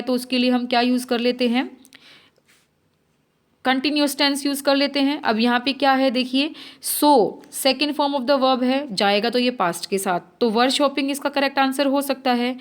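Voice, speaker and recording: Lady teacher going over test answers, bit high voice, reads english lines real slow. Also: steady tone, clear, resonant tone. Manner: asks and answers her own questions, reads English sentences slowly. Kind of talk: exam-prep lesson, explaining answers step by step.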